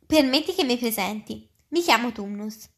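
A woman's voice: on the high side, animated, normal speed. A woman reading the lines of a polite, nervous male faun in a storybook, courteous and a little flustered. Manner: courteous, eager, slightly flustered. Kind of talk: reading aloud.

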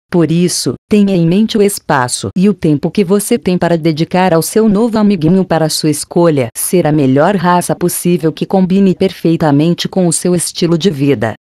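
A woman reads a scripted narration for a pet channel. Her voice sits low and sounds mellow and warm. She keeps an even read-aloud pace through lists of names, in a dry, close recording. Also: no room sound.

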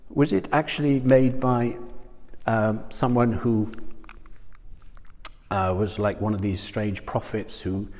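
A church speaker's low-leaning, steady, somewhat mellow voice moves at a slow pace with long pauses, sounding as though it fills a large hall. On a lapel mic in a small church studio room facing a screen, he delivers a conversational sermon peppered with questions for his listeners.

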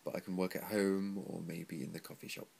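A young man who teaches English vlogs into a nearby laptop webcam, his nose stuffy and his voice dropped by a cold, with a gravelly, breathy edge. He talks a little fast, rambling and relaxed, with many ums. The setting is a small indoor room with sliding paper screens.

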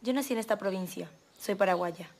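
Una actriz haciendo de joven hija rebelde y desafiante. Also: female voice, mid-range voice, a little mellow, lightly acted. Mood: defiant. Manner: defiant, quick. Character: defiant young colonial daughter.

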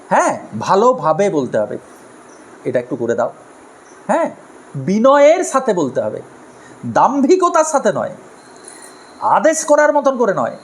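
A man giving a moral lecture on family life to a live audience, in an animated way, asking rhetorical questions and acting out harsh and gentle tones of voice. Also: sits high, poor audio. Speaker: spiritual speaker on family life.

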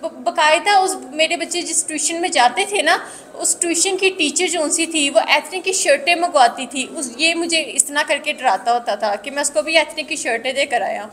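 Fairly bright in tone and moderate in pace, a Pakistani woman in her twenties tells her story of harassment in an interview. Her voice is high-pitched and earnest, and she comes across as anxious, repeating herself with many restarts.

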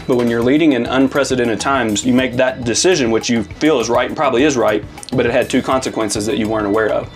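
Earnest pastor talking things through. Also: male voice, medium pitch, fairly even intonation, quick pace, hardly any pauses, soft background music. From Arizona. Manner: reflective, earnest, speaks in long loose sentences with fillers. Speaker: lead pastor. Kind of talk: casual interview chat.

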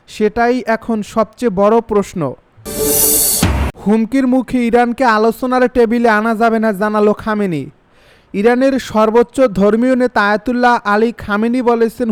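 A man reading international news bulletins in an even, formal scripted manner. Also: sits high, smooth. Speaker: news reader.

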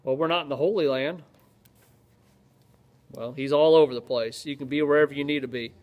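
A man's voice: a little high, fairly even intonation, fairly quick, lo-fi sound. A man, a pastor teaching from the Bible in a casual, joking way and reading scripture aloud with more emphasis. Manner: conversational, joking asides, reads scripture aloud with rising emphasis. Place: office-like room with ceiling lights, indoors.

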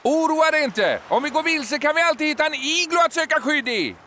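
A man voicing an eager, good-natured adult explorer in a dubbed cartoon, upbeat and excitable. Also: very high voice, slight background noise, heavily acted. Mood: excited. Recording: music bed behind voice.

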